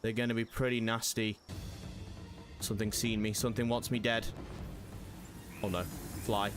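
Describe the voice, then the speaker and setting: A man's voice: on the low side, level tone, normal speed, over music. A young man giving casual gameplay commentary as a streamer, chatty and prone to sudden panicked yelps. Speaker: gaming streamer.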